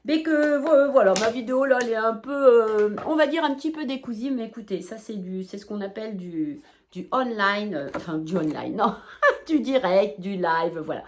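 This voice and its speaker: A woman chatting casually to her viewers in a shopping haul video, bubbly and excitable, rambling and breaking into playful exclamations. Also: fairly high pitch, normal speed, slight background noise. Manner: talks straight to viewers, chatty and informal.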